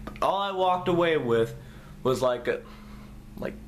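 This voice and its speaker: A man's voice: a little high, a little slow, slight background noise. Young male vlogger, casual storytime delivery, swears freely and tells it with energy. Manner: profane, animated storytelling.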